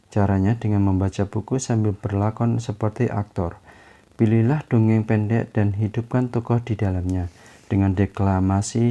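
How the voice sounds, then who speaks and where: A man reading a self-help book aloud in a steady, measured way. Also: on the low side.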